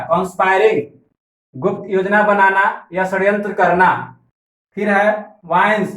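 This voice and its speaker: A man gives an online class, going through vocabulary one word at a time and repeating each meaning so students can note it down. His voice sits high for a man. The room around him is echoey. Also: a bit bright. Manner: explains slowly, repeats key words and meanings. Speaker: English teacher.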